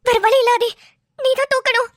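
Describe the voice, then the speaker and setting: A woman's voice: extremely high pitch, little pitch movement, a little fast, a bit bright, no room sound, studio quality. A woman voicing a young woman in a cartoon who takes charge in an emergency, urgent and commanding. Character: alarmed young woman, bossy in a crisis. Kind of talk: cartoon voice acting.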